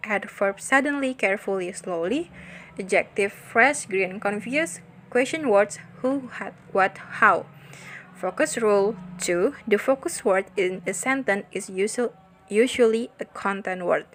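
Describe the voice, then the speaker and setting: A young woman, a university student with an Indonesian accent, presents a pronunciation lesson with many hesitations, reading out English examples slowly and explaining them in her own language. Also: mid-range voice, fairly bright tone. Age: young adult.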